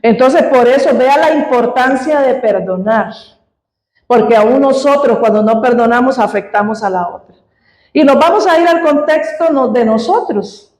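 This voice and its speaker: A woman's voice: a little high, normal speed, a little mellow, echoey room, low-quality recording. A woman preacher giving a sermon in an easygoing, conversational teaching manner, often checking in with the congregation. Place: church hall.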